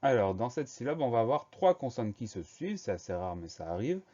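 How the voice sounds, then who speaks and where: A man's voice: mid-range voice, very animated, brisk, dark tone, lo-fi sound. Patient man spelling words aloud. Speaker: primary school teacher. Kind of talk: spelling lesson for children.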